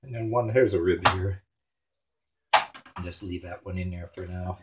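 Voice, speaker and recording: Unhurried and low-voiced, the host of a home cooking show chats casually and crudely while cutting meat in his small kitchen. He jokes as he chops. Clattering kitchen noise comes through on the camera sitting on the counter.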